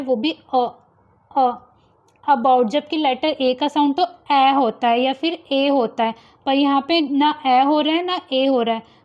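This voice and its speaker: A young woman teaching English pronunciation, repeating example words slowly to contrast wrong and right ways of saying them. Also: high voice, darkish tone. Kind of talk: phonics lesson explaining pronunciation rules. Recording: slightly dull lo-fi sound.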